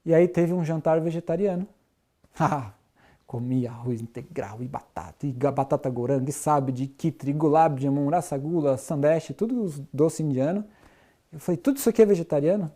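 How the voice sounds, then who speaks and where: A man, telling his testimony in an animated storytelling way, mimicking sounds and singing short chant phrases. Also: fairly high pitch, normal speed. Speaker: testimony speaker. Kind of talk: spoken testimony.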